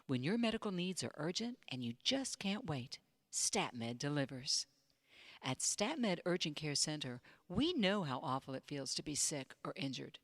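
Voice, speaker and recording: A woman narrating a scripted promotional infomercial in a polished, measured sales-pitch manner. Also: no room sound, clean studio sound. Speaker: commercial voice-over announcer. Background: music bed.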